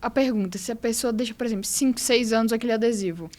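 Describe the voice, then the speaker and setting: A woman's voice: a little high, quick pace, a little mellow. A woman hosting an interview show, asking questions and reacting with short exclamations. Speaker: show host. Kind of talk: casual interview chat.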